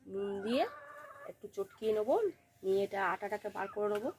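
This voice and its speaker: In a village home-cooking video, a Bengali woman narrates each step plainly and instructionally, repeating her phrasing. Her mid-range voice is brisk with fairly even intonation, set against loud sizzling and stirring.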